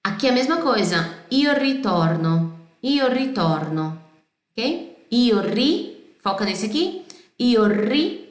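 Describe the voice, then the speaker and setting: A Brazilian woman with a Brazilian Portuguese accent teaching Italian pronunciation, singing song lines slowly and explaining in quick bursts. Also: fairly high pitch, reverberant. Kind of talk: pronunciation lesson.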